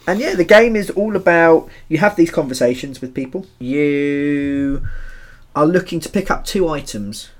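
A man's voice: a little high, lively intonation, moderate pace. A man co-hosting a podcast, chatting casually about a video game in a rambling, joking way with many fillers. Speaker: podcast co-host.

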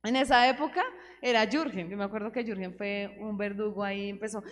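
A woman's voice: medium pitch, steady tone, a little fast. A woman preaching an earnest sermon, asking the congregation questions. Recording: hall reverb.

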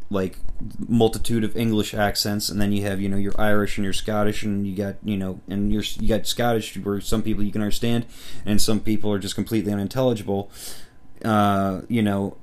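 A man talks through a film review in a loose, rambling way, piling up fillers and restarts. He sounds enthusiastic, and his voice sits somewhat low. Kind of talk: casual spoken film review.

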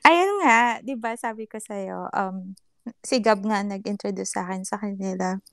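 A woman's voice: mid-range voice, measured pace, creaky, no room sound, clean studio sound. A woman co-hosting a podcast in casual chat, telling stories with frequent laughter. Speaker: podcast co-host.

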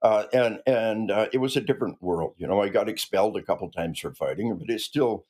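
Speaking a little fast in a fairly low, darkish voice, a retired army officer in his sixties who grew up in the American Midwest chats as a podcast guest. The conversational interview shows him earnest and emphatic, with many restarts.

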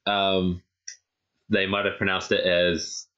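A man's voice: deep voice, flat delivery, takes it slowly, fairly bright tone, highs cut off. A man co-hosting a podcast, chatting casually in a rambling way, full of fillers and tag questions. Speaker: podcast co-host. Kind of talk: casual chat.

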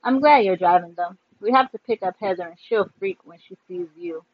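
A man's voice: high voice, fairly quick, dry recording. A man reading aloud, voicing a spirited, teasing sixth-grade girl in a storybook, on a slightly dull recording. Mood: playful. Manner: teasing, chatty.

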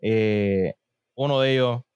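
A man's voice: fairly low pitch, slow, darkish tone, clear, resonant tone, no echo, dull audio. A man, co-hosting a podcast in joking casual chat and switching into English slang. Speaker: podcast co-host.

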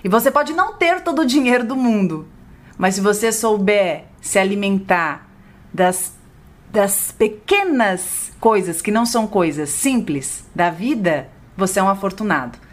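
Casting: woman psychologist, podcast co-host, gentle explanatory delivery. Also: measured pace. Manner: gentle, explanatory, lively pitch when voicing a parent to a child.

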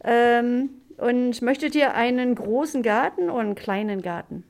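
Slow, simple questions full of fillers come from a woman from Germany who teaches German and hosts a classroom podcast. Her pitch is a little high, and her tone is a little mellow.

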